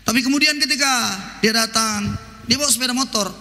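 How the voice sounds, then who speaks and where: A male pastor preaches in a fairly high voice, telling a personal story. He slips into the voices of the people in it as he talks. A long church reverb trails his words. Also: brisk, pushed and bright. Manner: storytelling, acts out dialogue in his anecdotes. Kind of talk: sermon. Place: church service.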